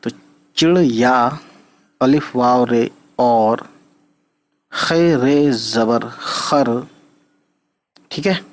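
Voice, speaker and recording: A male teacher talks his way through a reading lesson at an unhurried, deliberate pace. His voice sits at an ordinary middle pitch. He spells each word out letter by letter and keeps asking whether it makes sense. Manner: patient, spells letters out slowly, often asks "right?". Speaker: Urdu teacher.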